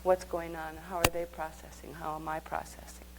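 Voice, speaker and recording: A woman's voice: low voice, flat delivery, fairly quick, noisy background. A woman leading a live workshop, speaking conversationally and guiding the group through exercises. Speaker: workshop teacher.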